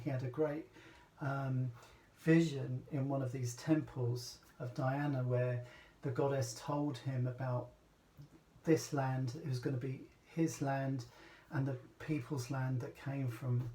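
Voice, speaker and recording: British guy rambling on, lots of ums and restarts, mellow tone. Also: medium pitch. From Britain. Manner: hesitant, rambling, many fillers and restarts. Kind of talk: casual talk. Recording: echoey room, voice from a distance.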